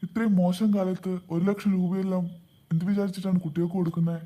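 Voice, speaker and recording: A performer voicing a stern adult male police officer in a cartoon, scolding about careless parents, with a mellow voice. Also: mid-range voice, level tone, fast, natural voice. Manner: scolding, disapproving. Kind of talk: cartoon voice acting.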